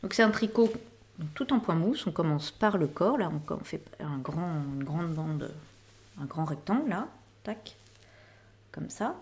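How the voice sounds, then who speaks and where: Chatty woman with a low voice. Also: animated, unhurried, a little mellow. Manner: chatty, rambling explanations with frequent "voilà". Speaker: knitting and sewing podcast host. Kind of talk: casual show-and-tell of finished projects.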